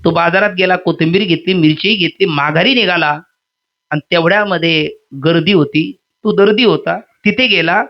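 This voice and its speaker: A fairly high-voiced man gives a kirtan sermon, telling folk tales and acting out each character. His storytelling is lively, with chanted refrains. The sound is dull and lo-fi. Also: normal speed. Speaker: kirtan preacher.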